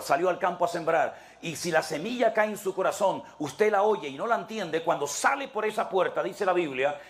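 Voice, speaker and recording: A man preaching a sermon to his congregation as pastor, emphatic and repetitive, speaking to them directly. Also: fairly high pitch.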